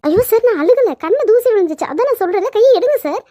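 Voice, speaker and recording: Woman doing a young cartoon housemaid, very high voice, earnest, pleading. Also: expressive, fast, warm tone. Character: young housemaid woman, shy, hiding her hurt. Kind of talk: cartoon dubbing.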